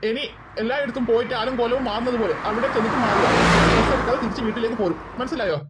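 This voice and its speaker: A woman's voice: fairly high pitch, rapid-fire, heavy background noise, natural voice. A woman voicing a stern, thrifty father of two girls in a cartoon, bossy and lecturing. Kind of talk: cartoon voice acting.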